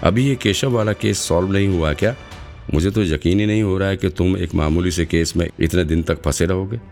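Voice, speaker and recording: A sharp-minded young woman investigator in an audiobook, reasoning aloud and probing every detail, as a man puts her on in a raised voice over a very deep natural register. Her lines run with a quiet bed of music underneath. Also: fairly quick, gravelly. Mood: doubtful.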